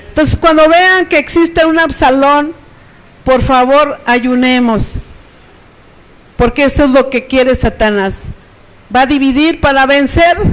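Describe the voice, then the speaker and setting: A woman's voice: high voice, rough recording. A middle-aged woman pastor with a Mexican accent preaching a sermon, often turning to the congregation with rhetorical questions. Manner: keeps checking in with the congregation through rhetorical questions.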